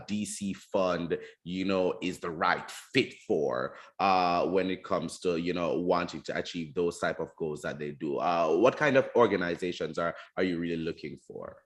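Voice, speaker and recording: Very low-voiced interview host, affirming. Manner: warm-hearted affirming, many fillers. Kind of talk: live online interview.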